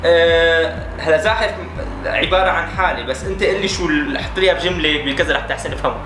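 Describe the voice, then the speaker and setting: A contestant in a dialect challenge, this man speaks with a Syrian Arabic accent, his slightly high voice moving very fast as he chats loosely and thinks out loud with his guesses. Music plays in the background of an echoey room.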